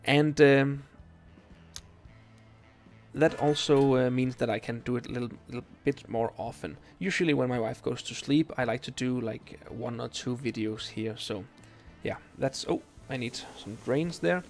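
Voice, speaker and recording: A young Danish man talks casually with his viewers while playing a game live. His voice is gravelly and mid-pitched, and he speaks with plenty of hesitations. Soft game music plays underneath. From Denmark. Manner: relaxed, halting, lots of ums and restarts. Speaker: streamer. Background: faint game music.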